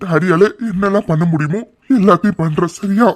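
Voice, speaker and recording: A man's voice: high voice, brisk, close to an everyday voice. A man voicing a doting middle-aged father in a cartoon, soothing his daughter and pressing for help. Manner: soothing, then demanding. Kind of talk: cartoon voice acting.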